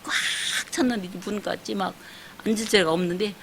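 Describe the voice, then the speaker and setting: A woman's voice: mid-range voice, moderate pace, creaky, low-quality recording. A woman in her sixties, a pastor's wife giving an emotional church testimony, telling her story earnestly with many fillers and acting out the voices of others. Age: 60s. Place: church service. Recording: faint hiss.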